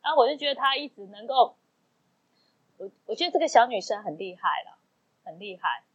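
A woman with a Taiwanese Mandarin accent tells a story in casual chat, her husky voice a little high and bringing each line of dialogue to life. The recording is somewhat dull and lo-fi. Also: fairly quick. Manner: animated storyteller, acts out quoted dialogue. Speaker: podcast co-host. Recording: dull lo-fi sound.

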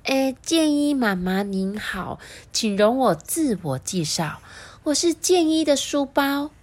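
A woman voicing a polite, formal, proud talking leather schoolbag in a storybook, speaking slowly and courteously. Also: high voice, lively intonation, pitched above the performer's own voice, heavily acted. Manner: slow, very courteous.

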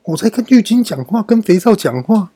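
A man imitating his exasperated wife as she scolds him with accusing, shrill lines. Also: big pitch swings, brisk, mellow, husky, exaggerated voice. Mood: scolding. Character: angry scolding wife, adult woman.

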